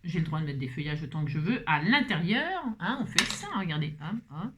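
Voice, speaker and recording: A woman's voice: low-pitched, sing-song, brisk, noisy background. A woman hosting a craft tutorial, chatting playfully to herself and her viewers and breaking into song.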